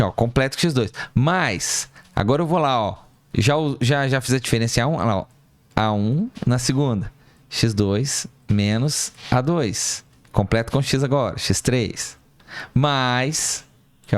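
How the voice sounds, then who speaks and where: There's no echo on this low-ish male voice. He's a math professor at a board, leading students through a calculation stage by stage, asking and answering himself and fixing small slips.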